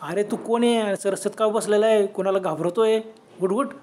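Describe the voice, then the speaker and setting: A man's voice: high voice, fairly quick, a little hiss or hum, close to an everyday voice. A man doing a bluff, sturdy villager. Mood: calling out, bluff. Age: 40s. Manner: loud, commanding calls. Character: sturdy forty-year-old villager, bluff, hiding fear.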